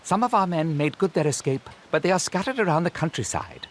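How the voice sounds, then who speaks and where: A loyal game retainer, acted by a man, fairly high and very animated, giving deferential instructions to his lord. He sounds earnest and urgent, over faint noise. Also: fairly quick, close to an everyday voice. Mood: earnest helpful. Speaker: tutorial guide.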